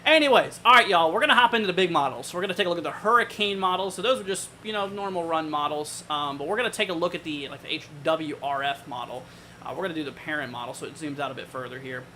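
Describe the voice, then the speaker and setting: A man with a bright, forward voice, pitched a little high, hosts a casual live weather forecast. He talks informally, thinking aloud as he goes, in a conversational way. There is some faint noise behind him. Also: fast. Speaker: weather livestream host.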